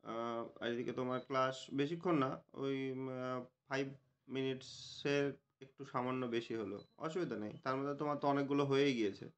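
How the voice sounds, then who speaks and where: A man acting as examiner who gives hesitant feedback on a demo class, filling pauses with "um" and "ah". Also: medium pitch. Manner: hesitant, with many fillers. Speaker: interview examiner. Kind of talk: giving feedback.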